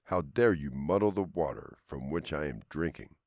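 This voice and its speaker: A man voicing a greedy, bullying male wolf in a storybook fable, with a gruff, menacing delivery. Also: rumbling low, lively intonation, normal speed, a little mellow, no room sound, clean studio sound, heavily acted.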